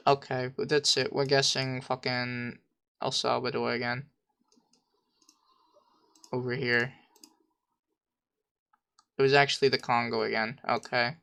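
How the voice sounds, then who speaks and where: A man streaming a game, thinking aloud, swearing constantly, second-guessing himself and bursting into loud excited shouts. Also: mid-range voice, moderate pace, creaky, long pauses, smooth. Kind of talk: casual gameplay commentary.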